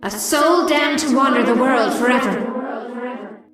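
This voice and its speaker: A woman's voice: high-pitched, slow pace, a bit bright. An actress playing a guilt-ridden, sorrowful female wraith in a video game, speaking in a solemn, half-chanting way. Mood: solemn, anguished. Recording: echoing voice over music.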